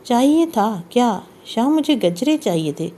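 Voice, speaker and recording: Scared meek young wife read by a woman, soft mellow voice, begging. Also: on the high side, big pitch swings. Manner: pleading, apologetic. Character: frightened, timid young wife. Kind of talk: audiobook character reading.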